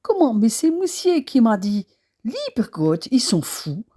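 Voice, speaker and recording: A drowsy, grumbling housemaid with a thick Alsatian accent, as a woman puts her on for a stage play within an audiobook. She drawls and yawns through her lines, and the voice stays soft and mellow. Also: fairly high pitch, big pitch swings, takes it slowly, full character voice. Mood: sleepy grumbling. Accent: Alsatian, put on.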